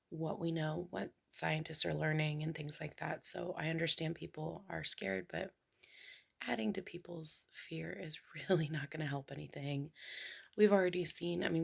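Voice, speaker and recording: A young woman talking quietly to her viewers at home in the early morning, half whispering and rambling with many fillers. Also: low voice, gravelly, husky. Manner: hushed, half whispering so as not to wake someone. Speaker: vlogger. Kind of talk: casual hushed chat to camera.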